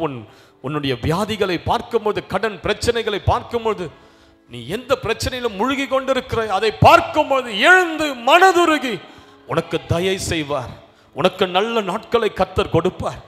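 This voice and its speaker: A pastor preaching a sermon to a gathered crowd, moving from hushed storytelling to loud, shouting exhortation. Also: male voice, high voice. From India. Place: large hall at an evening service. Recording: reverberant hall with music underneath.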